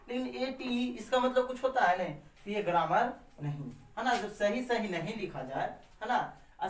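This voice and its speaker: A man teaching a basic grammar lesson to camera, asking and answering his own questions with frequent tags. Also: sits high. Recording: echoey room, far from the mic.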